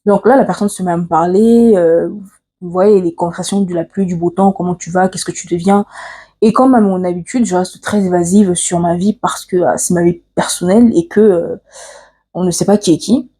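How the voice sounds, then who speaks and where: Husky-voiced woman telling a personal story. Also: lowish voice, fairly even intonation, moderate pace, warm tone. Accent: African French. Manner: hesitant, frequent "euh" fillers and restarts; earnest, confiding. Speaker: vlogger.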